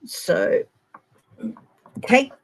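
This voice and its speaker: A middle-aged Australian woman giving a gentle, chatty tarot reading on a live stream and addressing viewers by name. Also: extremely slow, rough recording. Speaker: tarot reader.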